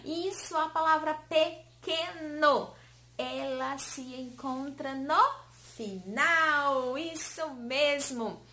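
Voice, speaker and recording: A woman teacher giving a lesson to small children, in a sing-song way, stretching key words slowly and coaxing answers with questions. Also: sits high, bright, forceful tone. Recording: roomy echo.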